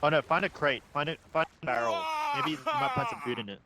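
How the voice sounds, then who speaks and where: A man's voice: a little high, huge pitch swings, quick pace, vocal fry, crowd noise. A man chatting casually as a co-op player, giving directions and often repeating his phrases. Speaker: co-op player and stream moderator. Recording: noisy voice chat with clicks.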